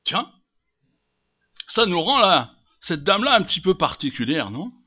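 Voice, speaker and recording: A man preaching a sermon to his congregation, swinging from loud emphasis to hushed asides and asking rhetorical questions. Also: sits high, very animated, measured pace, highs cut off. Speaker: pastor.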